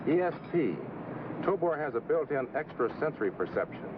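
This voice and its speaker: A level-headed government scientist who explains things in a plain, matter-of-fact way. The sound is an old 1950s TV broadcast. It is thin and phone-like, with a heavy layer of hiss underneath. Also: male voice, a little high, sing-song, a little fast. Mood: earnest. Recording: tinny, hissy 1950s TV soundtrack.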